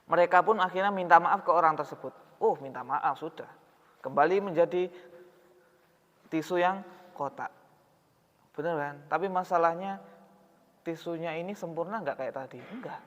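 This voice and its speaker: A man preaches a sermon in a mosque hall, chatting conversationally and putting questions to his audience. His voice is fairly high and a bit bright, moving at a moderate pace with long pauses. The reverberant hall makes the sound dull.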